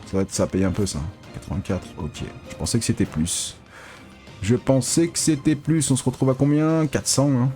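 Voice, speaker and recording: A man giving excitable, casual live commentary as a casino streamer, pleading with the reels and swearing. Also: fairly low pitch, a little fast, hardly any pauses, soft background music.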